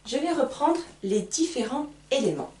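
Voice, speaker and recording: A woman teaching a beginner lesson, speaking slowly and deliberately and spelling out sounds. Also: sits high, very animated, warm tone, slight background noise. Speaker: French teacher. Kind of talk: slow beginner French lesson at a whiteboard. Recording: echoey room, voice from far off.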